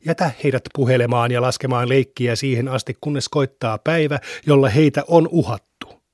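Male reader, mid pitch, measured solemn scripture reading, dry studio sound. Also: no echo. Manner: measured, even recitation.

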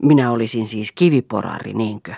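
A woman's voice: rumbling low, creaky, mellow, husky, no room sound, clean studio sound, exaggerated voice. A woman voicing a good-humored young man who talks in an amused, easygoing way, in a read-aloud story. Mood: teasing.

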